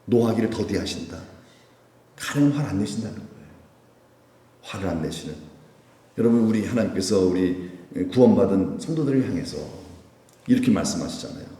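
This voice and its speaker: A man's voice: fairly low pitch, animated, brisk, pauses often, mellow. A man preaching a conversational sermon as pastor, asking the congregation questions and answering them himself. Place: church sanctuary. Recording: echoey church hall, mic at a distance.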